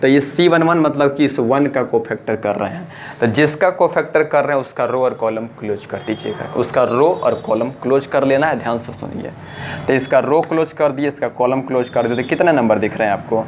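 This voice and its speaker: A man's voice: medium pitch, fairly quick, a little hiss or hum. A man teaching a blackboard math lesson. He talks patiently, repeating each step and urging listeners to pay attention.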